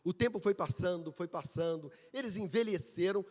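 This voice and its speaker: A man's voice: high-pitched, moderate pace, a little mellow, long reverb tail. A man from Brazil, preaching a sermon and telling a story, emphatic and full of rhetorical questions and repetition. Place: church sanctuary.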